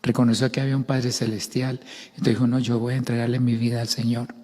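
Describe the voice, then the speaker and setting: An older man with a Bogotá accent preaching a sermon, expressive, acting out voices and shouts. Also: medium pitch, quick pace, long reverb tail. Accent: Colombian, Bogotá.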